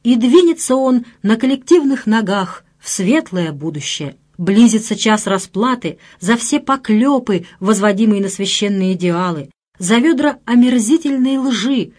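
Woman playing a booming pompous brute. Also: darkish tone. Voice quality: sepulchral booming voice. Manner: pompous bombastic ranting. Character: brutish ugly male extremist ranting ideologue.

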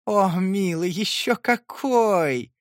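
A man's voice: high voice, big pitch swings, moderate pace, no echo, clean studio sound, pitched above the performer's own voice. A man doing a sarcastic, gloating female inner voice. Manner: teasing, sarcastic.

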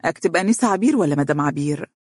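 Reader doing a gentle young male doctor with an Egyptian accent, measured and soothing, dry audiobook sound. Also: mid-range voice, lively intonation, husky, no room sound. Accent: Egyptian Arabic. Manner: soft, reassuring, measured.

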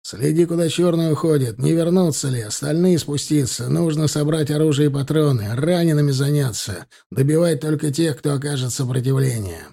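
A boisterous, hearty army captain, voiced by a man reading aloud shouts his words roughly. His pitch sits well above the reader's own, and the tone stays warm and mellow. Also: fairly quick, hardly any pauses. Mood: commanding. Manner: loud, rough, exclaiming.

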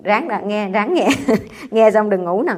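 A woman's voice: medium pitch, animated, unhurried, a little mellow. A woman, a Buddhist nun giving a conversational dharma talk and quizzing her listeners with rhetorical questions. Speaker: Buddhist nun teaching sutra class. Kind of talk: dharma talk to a live audience.

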